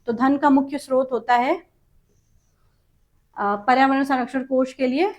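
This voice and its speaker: A woman teaching a spoken exam practice lesson, reading out questions and options and then explaining each answer. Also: high voice. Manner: drawn-out sounding-out of vowels and terms.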